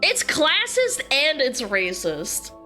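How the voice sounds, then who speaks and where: A woman giving casual, blunt opinions in a played-back video clip. Her voice sits a little high and sounds bright and forward. Faint music plays under her talk. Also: wildly swooping pitch, slow. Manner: blunt and offhand. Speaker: commentator in a reacted clip.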